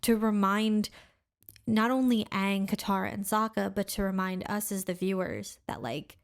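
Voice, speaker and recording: A woman's voice: mid-range voice, moderate pace. A woman co-hosting a podcast, chatting casually with lots of laughter and filler words. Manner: chatty, laughs often, many "like"s and "you know"s. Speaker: podcast co-host. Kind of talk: casual chat.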